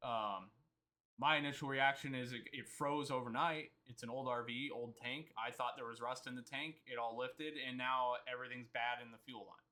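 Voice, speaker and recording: A man's voice: medium pitch, fairly even intonation, moderate pace, pushed and bright. A man recapping a trip in casual, rambling storytelling, often quoting himself and others. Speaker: vlogger.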